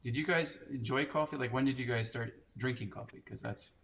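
A man in his forties from Canada talks in a loose, rambling way, stacking up fillers and starting sentences over. His pitch sits in the middle range for a man. It sounds like a relaxed conversation among friends. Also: fairly quick, creaky. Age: 40s. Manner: rambling, filler-heavy storytelling. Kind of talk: casual chat.

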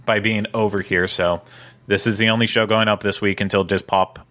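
Male podcast host, lower voice, loose chatty delivery with fillers. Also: little pitch movement, fairly quick, fairly bright tone. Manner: rambling, chatty, many fillers. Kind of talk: casual podcast chat.

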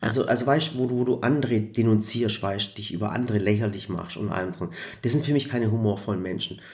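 A man chatting casually as co-host, telling stories in an animated way with many fillers and restarts. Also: fairly low pitch, quick pace. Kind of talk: casual chat.

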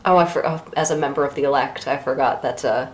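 A woman's voice: very deep voice, fast talker, a little hiss or hum. A woman co-hosting a podcast, teasing and wisecracking as she recaps a play in casual chat. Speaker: podcast co-host.

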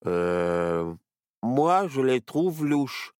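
A man's voice: mid-range voice, big pitch swings, slow pace, no echo, clean studio sound. A man voicing a timid, hesitant young boy in a children's storybook, stammering and unsure. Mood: nervous.

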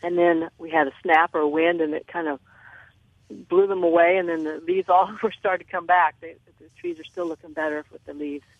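A woman's voice: lowish voice, fairly even intonation, brisk, dry recording. An older woman with a Southern US accent calls in over a clipped, tinny phone line that sounds narrow and completely dry. She talks in a polite, rambling way and keeps answering with "yes, sir.". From Mississippi. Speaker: radio caller. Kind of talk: casual call-in question.

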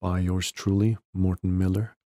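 A podcast host leads a meditation in a very low, mellow male voice with little pitch movement. He talks slowly, offering short, gentle instructions separated by long pauses. The audio is dry and close, with no room sound or echo.

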